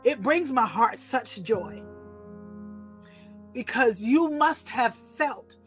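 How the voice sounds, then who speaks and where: A woman who writes and illustrates children's books, telling personal stories as an interview guest in an expressive, animated way. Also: on the high side, slow pace, soft background music. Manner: expressive, animated storytelling with acted-out voices. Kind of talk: storytelling in an interview.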